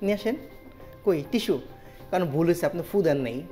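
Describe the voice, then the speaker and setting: A woman with a fairly low voice works as a magician in the manner of a kids party act. She chants magic words and coaxes her participant along with interactive show patter. Music plays under her voice. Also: expressive, brisk, warm tone. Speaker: stage magician performing tricks for a participant.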